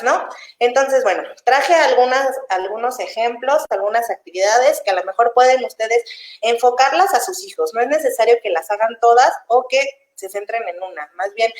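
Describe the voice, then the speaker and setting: Chatty young woman in an echoey room. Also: a little high. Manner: warm, chatty, laughs easily, acts out parents' voices. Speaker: child development specialist guest. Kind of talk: casual explanatory talk.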